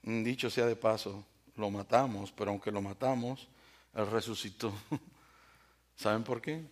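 A male pastor with a fairly low voice preaches a little slowly, his sermon marked by dramatic swings. He addresses the congregation directly and by name, asking rhetorical questions.

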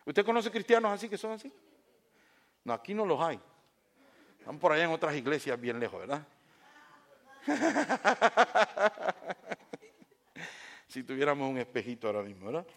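High-voiced preaching man, swinging loud and soft. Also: very animated, measured pace, vocal fry, long pauses. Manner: preaching with big swings from shouting to hushed tones. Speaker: pastor. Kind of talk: sermon. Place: church.

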